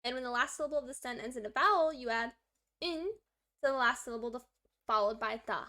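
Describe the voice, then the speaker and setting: A woman's voice: a little high, fairly quick, pushed and bright. A woman on a live study stream, reading lesson text aloud and chatting to herself as she writes out examples in an upbeat way. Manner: upbeat, talks to herself while working through examples. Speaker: livestreaming language learner.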